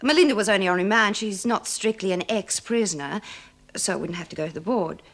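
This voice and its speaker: A woman's voice: medium pitch, a bit bright. An actress playing a firm, formal woman prison official in a television drama. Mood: friendly. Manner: measured, formal, authoritative.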